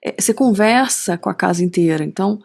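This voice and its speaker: A woman's voice: medium pitch, quick pace, creaky. A middle-aged woman with a Carioca accent, a podcast guest chatting casually and acting out the voices of people in her stories. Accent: Carioca Brazilian Portuguese. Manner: lively storyteller, acts out quoted dialogue, frequent tag questions. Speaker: podcast guest, digital marketing strategist. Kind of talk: casual conversational interview.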